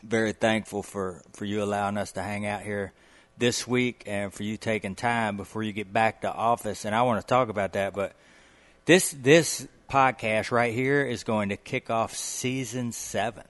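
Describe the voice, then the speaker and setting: A man's voice: on the low side, fairly even intonation, moderate pace, fairly bright tone. A man co-hosting a casual podcast, talking in a folksy, enthusiastic, rambling way. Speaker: podcast co-host. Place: guest's home on the coast.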